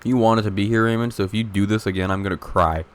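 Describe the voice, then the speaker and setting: A young man co-hosting a podcast in casual chat, rambling and interrupting himself, with deadpan teasing. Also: lowish voice, fast talker, slight background noise. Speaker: podcast co-host.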